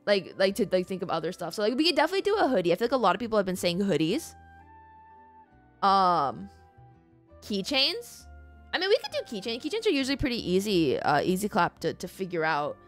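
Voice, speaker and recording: Her mid-range voice is sing-song and a touch quick as she chats with her livestream audience in a playful, informal way, dropping the occasional swear word. Music runs underneath.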